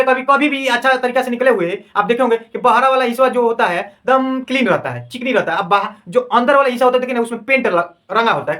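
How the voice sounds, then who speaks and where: A man's voice: extremely high pitch, fairly bright tone, distant mic, rough recording. A man teaching a classroom science lesson. He repeats each term as a question and then answers it, and calls his students "babu".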